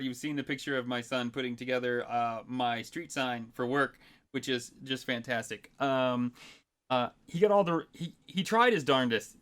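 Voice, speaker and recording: A man's voice: mid-range voice, fairly bright tone. A man in his thirties co-hosting a casual podcast, telling a long anecdote with many fillers and frequent laughter. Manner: rambling storyteller, laughs often, many fillers. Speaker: podcast co-host.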